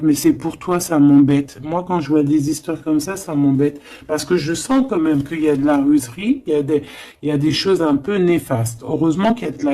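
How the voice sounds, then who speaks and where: In a low, mellow voice, a woman gives a tarot reading. She's chatty and emphatic, often hesitating and slipping in asides.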